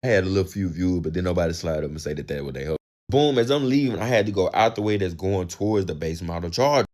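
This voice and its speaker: A young man telling a casual, profane dating story in slangy, animated speech. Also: deep voice, fast talker.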